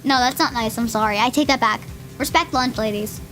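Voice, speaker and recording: A woman's voice: fairly high pitch, brisk, a bit bright. A young woman streamer chatting casually while playing, rambling and joking at herself. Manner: rambling, joking, self-deprecating. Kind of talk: casual gameplay commentary. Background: game music.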